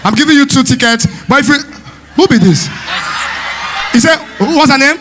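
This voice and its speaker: A man from Delta State with a Nigerian Pidgin accent, doing loud, playful live stand-up at a church event. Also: very high voice, expressive, normal speed, over music. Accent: Nigerian Pidgin English. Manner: loud, playful, teasing the crowd, often shouting and laughing. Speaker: stand-up comedian. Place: church hall stage.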